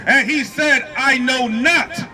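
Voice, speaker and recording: A man reading scripture aloud outdoors at a street preaching, measured and formal. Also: very high voice, bright, forceful tone. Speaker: scripture reader. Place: outdoors on a city street at night. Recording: noisy street crowd.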